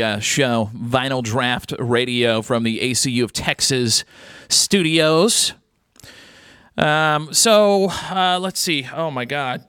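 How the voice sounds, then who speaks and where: Rambling, grumbly radio host, 40s guy, fillers everywhere, bright tone. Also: fairly high pitch. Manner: rambling, halting, full of fillers and restarts; grumbling, mocking complainers. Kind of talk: casual radio talk.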